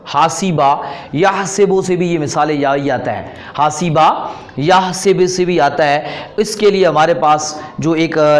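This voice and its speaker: Man reciting Arabic grammar forms. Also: fairly high pitch. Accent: Pakistani Urdu. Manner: explains step by step, recites verb forms in drawn-out chants. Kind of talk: recorded online lesson.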